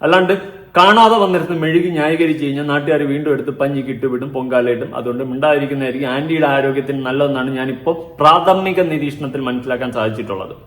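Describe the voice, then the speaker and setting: A man's voice: medium pitch, racing, a bit bright. A young man hosting a reaction vlog, commenting in a mocking, sarcastic, lecturing manner. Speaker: vlogger and show commentator. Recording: echoey room.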